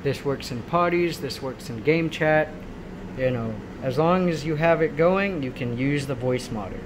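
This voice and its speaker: In a room at home, a man with a slightly high voice gives a rambling, casual software tutorial at a measured pace, often asking "right?" as he goes. It's a noisy amateur recording on a handheld camera, with clear, steady background noise.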